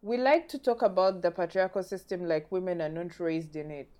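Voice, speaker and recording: A woman's voice: lowish voice, fairly quick, loud music behind the voice. Chatty young woman hosting a podcast. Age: young adult. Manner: chatty, laughs often, prompting questions. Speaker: podcast host. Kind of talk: casual conversation.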